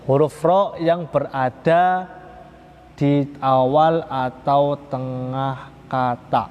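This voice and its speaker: A man teaching Quran recitation rules in a slow, patient, repetitive lesson, sometimes chanting the examples in a drawn-out way. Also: mid-range voice, steady tone, highs cut off. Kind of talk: slow religious lesson on tajwid. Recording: echoey long reverb hall.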